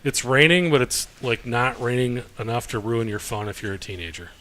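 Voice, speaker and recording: A man calling a high school football game play-by-play in a relaxed, chatty way that lifts with the action. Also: fairly quick, a little hiss or hum. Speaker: play-by-play announcer. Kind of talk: live sports commentary.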